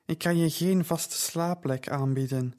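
A man voicing a tired, kind-hearted woman with a dry, gentle, plain-spoken manner in an audiobook. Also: a little high, a little slow, lightly acted. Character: weary, kind-hearted middle-aged woman host.

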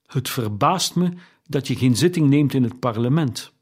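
A man's voice: medium pitch, animated, normal speed, darkish tone, slightly rough. A man voicing a stingy, harsh old male miser who snaps curt replies and grumbles, in an audiobook reading. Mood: threatening.

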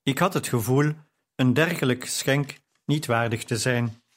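A man reads a novel aloud in a calm, steady storytelling voice. He takes his time over each sentence, with an ordinary mid-range pitch. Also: a little slow. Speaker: audiobook narrator. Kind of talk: scripted narration.

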